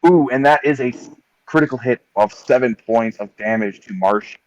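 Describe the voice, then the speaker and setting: A man acting as game master, describing a tabletop combat in vivid, unhurried detail with frequent ums. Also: medium pitch, no room sound, muffled recording.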